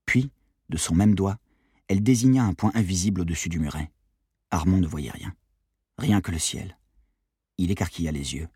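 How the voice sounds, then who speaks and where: A man narrating an audiobook in a measured, tense storytelling manner. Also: sits low, dark tone, slightly rough, no echo, clean studio sound.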